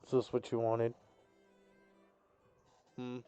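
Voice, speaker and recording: A man's voice: mid-range voice, completely flat delivery, slow, dark tone, clean tone, faint music behind. Profane, laid-back young male streamer. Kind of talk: casual live-stream chat while gaming.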